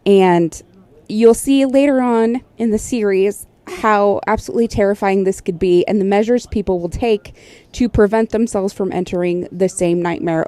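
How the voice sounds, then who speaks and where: In a mellow, mid-range voice, a female host who works as a sleep technologist explains things casually and conversationally, the way a specialist would break them down.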